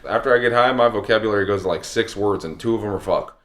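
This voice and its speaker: A man with a lowish voice talks casually. His delivery is loose, sweary stoner chat. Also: fast, fairly bright tone.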